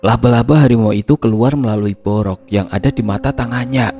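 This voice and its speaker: A man voicing an older village man who speaks gravely and knowingly in a horror story reading. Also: medium pitch, a little fast, voice pushed up, close to an everyday voice.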